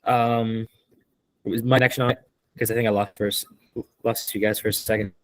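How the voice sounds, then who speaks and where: A man's voice: fairly low pitch, little pitch movement, a little fast, no room sound, rough recording. Man on a choppy call that cuts out. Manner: rambling, trails off with fillers. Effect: choppy call audio cutting in and out. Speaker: sports podcast host. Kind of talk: casual chat. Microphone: online call.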